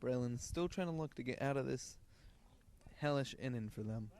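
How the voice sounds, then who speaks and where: A man's voice: mid-range voice, moderate pace, a little mellow, clean tone. Chatty young man commentating baseball. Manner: chatty, jokey, breaks into playful singing. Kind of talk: casual play-by-play commentary.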